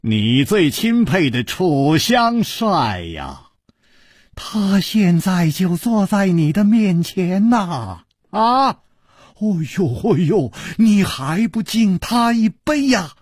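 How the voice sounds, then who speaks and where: A man's voice: on the low side, huge pitch swings, extremely slow, warm tone, slightly rough, dry recording, studio quality, full character voice. A man voicing a jovial host at a feast who draws out hearty exclamations.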